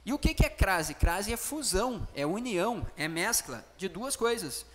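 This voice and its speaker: A male teacher giving an exam-prep grammar lecture in a high, bright-sounding voice. He keeps the class engaged, punctuating points with quick checks for understanding. His voice carries a long reverb tail, as if in a reverberant classroom. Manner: animated, keeps checking in with tag questions.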